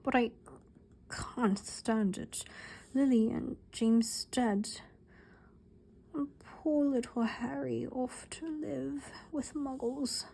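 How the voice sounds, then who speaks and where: A woman's voice: high voice, drawn-out words, vocal fry, dark tone, breathy edge, exaggerated voice. A woman whispering as a tearful giant of a man, British accent. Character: huge tearful male half-giant groundskeeper. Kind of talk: whispered role-play.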